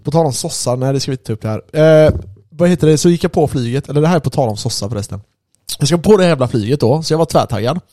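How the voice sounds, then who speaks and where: A man's voice: a little high, animated, dark tone, dry recording, studio quality. A young man co-hosting a casual podcast in a blunt, joking, laid-back way. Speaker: podcast co-host. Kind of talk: casual chat.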